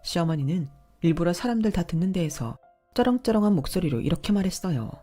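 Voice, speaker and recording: A woman's voice: on the low side, animated, fast talker, dark tone, faint music behind. A woman narrating a first-person story in an aggrieved, firm, emotional way, acting out her own side of the quarrels.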